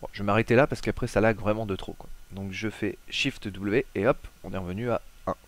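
A man casually talking viewers through a screen-recorded tutorial, relaxed and hesitant with frequent fillers. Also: fairly low pitch, brisk. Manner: talks viewers through steps directly. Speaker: tutorial host.

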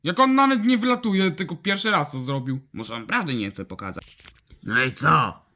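A man improvising a toy play story, exclaiming often and switching quickly between character voices. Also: fairly high pitch, animated, bright, forceful tone.

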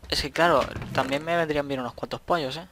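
A man's voice: a little high, fast talker, noisy background. A young man, rambling casually to himself while commenting on his gameplay and swearing at the game now and then. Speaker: gaming channel host.

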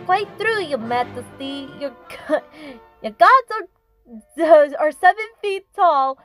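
A woman's voice: sits high, expressive, slow pace, a bit bright, faint music behind, voice pushed up, full character voice. Woman putting on a witty Dutch-accented queen. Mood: haughty. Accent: put-on Dutch accent. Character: dignified queen with a witty retort.

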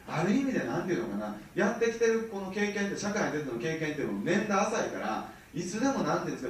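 Kansai man in his 30s, fast and lively seminar speaker, recorded far off in a very echoey hall. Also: high voice, slight background noise. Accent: Kansai Japanese. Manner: animated, keeps checking the audience with rhetorical questions. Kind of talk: motivational seminar talk.

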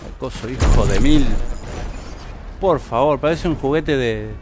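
A man with a Rioplatense accent giving excitable, mocking gameplay commentary and swearing often. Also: medium pitch, measured pace, background noise. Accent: Rioplatense Spanish. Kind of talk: casual let's-play commentary. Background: game music and gunfire.

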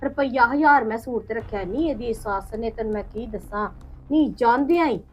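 A short film about village family drama features an actress as a wronged woman who indignantly rambles on about her in-laws, quoting them along the way. Her natural voice is a little high and fairly quick, recorded in dull lo-fi with faint music.

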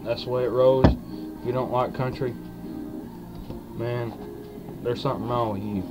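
With his lip full of dip, a young man in a small wood-panelled room chats loosely to camera, his mid-range voice fairly even and his folksy delivery slow and hesitant. It's a low-quality recording from a webcam mic at arm's length, with country music behind the voice.

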